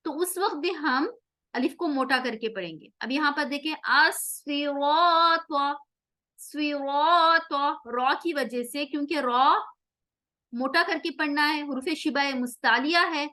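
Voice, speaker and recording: Woman teacher, high bright voice, slow patient explaining, repeats examples. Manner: patient, repeats each rule and drills example words slowly. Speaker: tajweed teacher. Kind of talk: explanatory lesson with recited examples.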